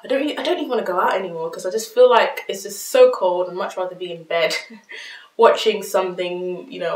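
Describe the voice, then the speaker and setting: A young woman with a lower voice, stuffed up and nasal from a cold. She rambles casually about her purchases, with plenty of ums and likes. The mic sits some distance away, so the room echoes around her. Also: slight background noise. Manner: chatty, many ums and likes. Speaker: fashion vlogger. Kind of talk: casual haul vlog. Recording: roomy sound, mic at a distance.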